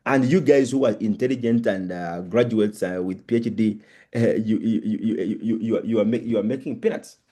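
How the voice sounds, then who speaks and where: A man with a mellow, slightly rough voice delivers a live crypto-bro sales pitch. He is emphatic and insistent, repeating key phrases. His delivery is halting, with stammered restarts. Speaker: crypto promoter presenting on a live Zoom call. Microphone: online video call.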